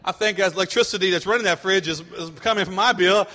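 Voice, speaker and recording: A man's voice: sits high, fast talker, big-room sound. A middle-aged man preaching a sermon as pastor, telling stories and acting out his kids' voices. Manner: animated storytelling, acting out voices of kids.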